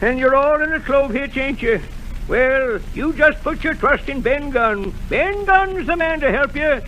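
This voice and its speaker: Ben Gunn, high wild castaway. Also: male voice, a little slow, highs cut off. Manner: excitable, sudden whoops and cries. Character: wild-eyed old male castaway, jittery and cunning. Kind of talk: 1930s radio drama acting. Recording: old radio broadcast with faint hiss.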